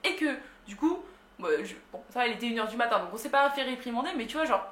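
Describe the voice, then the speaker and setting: A woman's voice: a little high, lively intonation, fast talker, a bit bright. A young woman from France telling a story in a casual, slangy way, laughing often. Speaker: vlogger. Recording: roomy echo.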